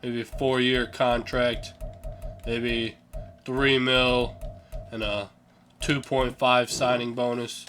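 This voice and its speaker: A man's voice: medium pitch, flat delivery, slow pace, pauses often, a bit bright, faint music behind. A young man giving casual, offhand commentary over a sports video game, yawning and sleepy, swearing now and then and stumbling over names. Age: young adult. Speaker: gaming channel host.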